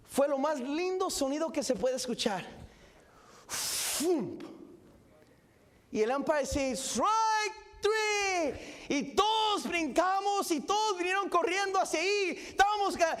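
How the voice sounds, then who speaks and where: High-voiced pastor. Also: male voice. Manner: animated, dramatic retelling with exclamations. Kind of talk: sermon storytelling. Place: church sanctuary.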